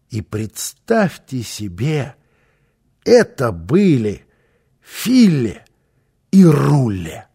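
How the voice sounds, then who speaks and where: A man reading a children's story aloud as narrator, expressive and lively in his storytelling. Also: medium pitch, husky. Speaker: audiobook narrator.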